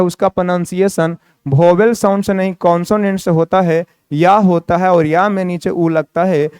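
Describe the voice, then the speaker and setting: High-voiced man teaching grammar. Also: darkish tone, clear, resonant tone, no room sound, studio quality. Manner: asks the viewers questions and answers them himself; repeats key words for emphasis. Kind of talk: Hindi-language grammar lesson.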